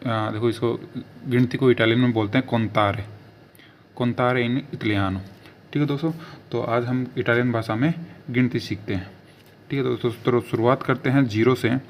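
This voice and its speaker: A man teaching a video language lesson, repeating each word slowly and spelling it out letter by letter, with frequent check-ins to the viewers. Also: medium pitch, steady tone, a little hiss or hum.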